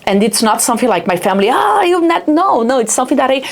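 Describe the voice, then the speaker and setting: In a casual interview, a young Rio de Janeiro woman who founded a startup talks fast in a high, creaky voice with big pitch swings. Her Brazilian accent comes through, and her chatty speech is thick with fillers such as "like" and "yeah."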